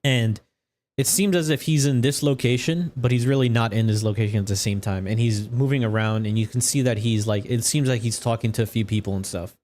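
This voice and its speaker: A man runs a tabletop role-playing game with a mid-pitched voice. He narrates off the cuff, halting and conversational as he sets scenes. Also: steady tone, darkish tone. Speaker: game master.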